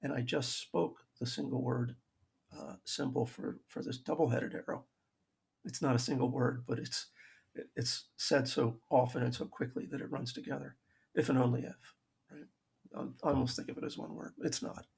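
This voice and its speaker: A man's voice: medium pitch, fairly even intonation, moderate pace, darkish tone. A man giving a recorded math lecture over slides, explaining logic with dry self-aware humor and frequent restarts. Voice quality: gravelly, husky voice.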